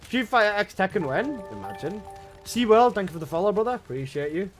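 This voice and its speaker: A young man banters with his live chat while he plays. His slangy, laid-back talk sits in a slightly higher register, and he is recorded from his room at home. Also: big pitch swings, brisk, faint music behind. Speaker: gaming livestreamer. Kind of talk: casual live-stream chat.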